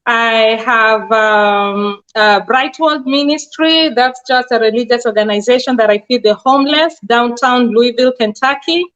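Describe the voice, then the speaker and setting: This nurse practitioner from Kenya, a woman in her forties, speaks with a Kenyan accent at a fairly high pitch and a fairly bright tone. Unhurried and with few pauses, she answers interview questions earnestly, explaining things and leaning on frequent fillers. The audio is dull and lo-fi.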